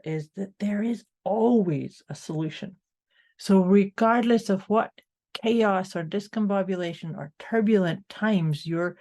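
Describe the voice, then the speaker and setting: A woman's voice: lowish voice, dark tone. A woman co-hosting a motivational podcast, talking through mindset tips in an upbeat, encouraging way. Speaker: podcast co-host. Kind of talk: casual motivational chat.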